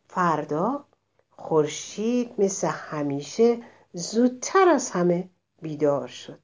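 A woman narrating a children's story, expressive and addressing the children listening. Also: medium pitch, muffled recording.

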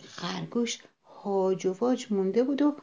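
A woman's voice: medium pitch, gravelly, muffled recording. A woman narrating a children's story, speaking directly to the children. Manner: warmly addresses children, animated.

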